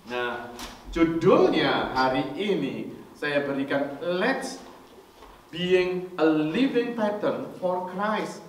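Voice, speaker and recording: A male pastor tells stories in a chatty, animated way, checking in with his listeners and mixing in English. His fairly high voice booms around a very echoey church hall. He is heard from far off the mic over faint noise. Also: very slow. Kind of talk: storytelling sermon.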